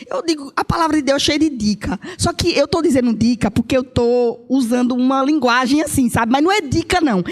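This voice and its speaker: A woman with a Brazilian Portuguese accent preaching a sermon, who stretches key words out slowly and puts questions straight to her listeners. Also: high voice, big-room sound. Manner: addresses listeners directly with questions.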